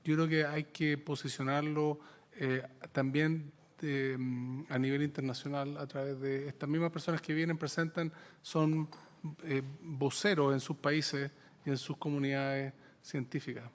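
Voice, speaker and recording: A man, a scientist speaking in a committee session, often halting and repeating words as he searches for them. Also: fairly high pitch, little pitch movement. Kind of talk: committee discussion.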